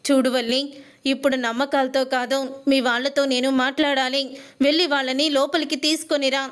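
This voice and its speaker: A stern young husband presses his wife again and again, scolding and insistent, read out by a woman retelling the story. The voice stays high and light. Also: flat delivery, normal speed, a bit bright.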